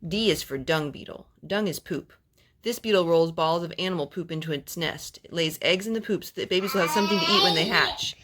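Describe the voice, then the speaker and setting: Her voice is on the low side, a little fast and fairly bright as this mother leads a read-aloud storytime for kids. Between reading, chatting and song, she poses questions to the child and repeats the answers back.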